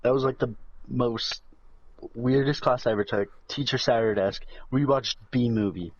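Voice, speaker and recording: A man's voice: mid-range voice, normal speed, slightly rough, no room sound. A twenty-year-old man chatting casually as a podcast co-host, blunt and full of swearing. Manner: blunt, profane. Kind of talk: casual chat. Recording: dull lo-fi sound.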